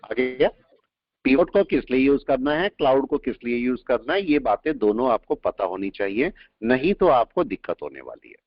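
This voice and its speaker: Male instructor, mid-pitched, runs a live class, keeps quizzing students; muffled dry recording. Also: sing-song, dry recording. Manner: quizzing students with quick questions. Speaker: trading instructor. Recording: dull lo-fi audio, dry.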